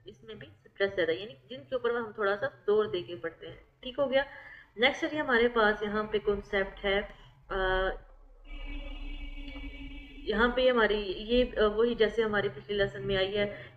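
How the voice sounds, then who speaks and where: A woman's voice: medium pitch, narrow, tinny audio. A woman online tutor, explaining exam material step by step over slides. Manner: repeats "theek hai" often, explains step by step.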